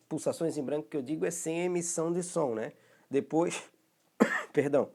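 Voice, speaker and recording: A man teaches a recorded lesson on musical rhythm, his fairly high voice carrying a Brazilian Portuguese accent. He's patient with each step and pauses often to confirm the students are following.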